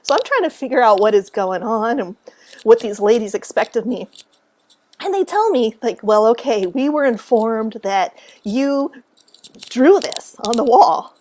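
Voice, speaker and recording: A woman telling a story to camera in a relaxed, animated way, acting out what people said and laughing along the way. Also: on the high side, a little slow. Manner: animated, acts out quotes, laughs often. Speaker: author and speaker. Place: at home.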